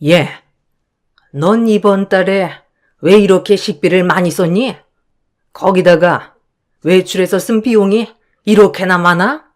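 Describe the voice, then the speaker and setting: A woman's voice: on the low side, measured pace, pauses often, lightly acted. A woman voicing a harsh, scolding older mother-in-law in a dramatized story. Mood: contemptuous. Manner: scolding, contemptuous.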